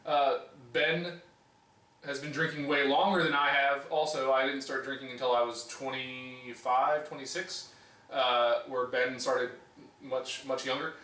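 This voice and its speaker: A man's voice: mid-range voice, level tone, a little slow, bright, forceful tone. A man co-hosting a beer review show in casual chat, talking hesitantly with many filler sounds and restarts. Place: home room. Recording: echoey room, mic at a distance.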